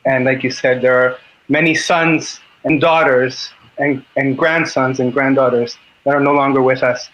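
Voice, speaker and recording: A Chilean man in his fifties, a native Spanish speaker, speaking as a guest on a group call in a halting way and often clearing his throat. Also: medium pitch, steady tone, fairly bright tone. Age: 50s. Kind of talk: earnest talk on a call. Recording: dull lo-fi call audio.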